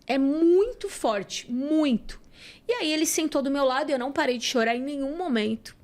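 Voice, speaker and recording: A woman with a Santos Brazilian accent, a podcast guest and psychologist, telling a personal story in an animated way. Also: high-pitched, moderate pace. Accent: Brazilian Portuguese, Santos. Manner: animated, acts out quoted dialogue. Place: podcast studio.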